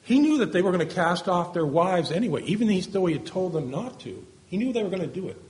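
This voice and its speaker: A man's voice: high voice, very animated, fast talker, darkish tone. Man preaching an earnest sermon. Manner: earnest, asks rhetorical questions, voice drops at phrase ends.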